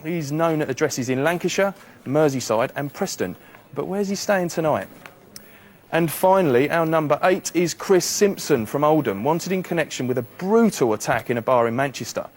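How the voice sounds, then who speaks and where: A man presenting from a television studio, reading out wanted suspects in a brisk, matter-of-fact way. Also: a little high, lively intonation, a little hiss or hum.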